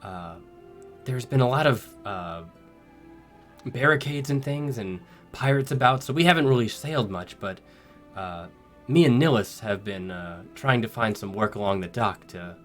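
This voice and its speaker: A man's voice: on the low side, faint music behind, lightly acted. A man doing a caring woman ship captain. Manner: halting, full of fillers.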